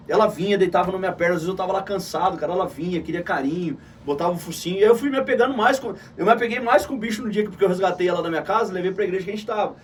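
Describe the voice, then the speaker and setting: A middle-aged man with a southern Brazilian Gaúcho accent, telling an emotional personal story as an interview guest in an animated way. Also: high-pitched, distant mic, slight background noise. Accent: Gaúcho Brazilian Portuguese. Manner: animated, calls the listener "cara" often.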